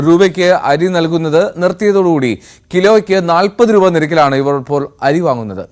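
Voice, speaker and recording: Calm male news anchor. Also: sits high.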